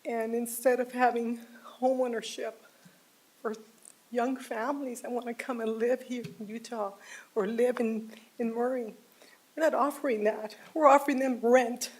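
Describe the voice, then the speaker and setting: Emotional high-voiced older woman resident. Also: steady tone, darkish tone. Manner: heartfelt, pleading, slow and deliberate. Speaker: resident giving public comment. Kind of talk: emotional public comment. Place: city council chamber.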